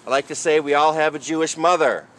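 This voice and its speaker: Bright-voiced man preaching as a priest. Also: fairly high pitch, steady tone, fast. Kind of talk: sermon and liturgical reading at Mass.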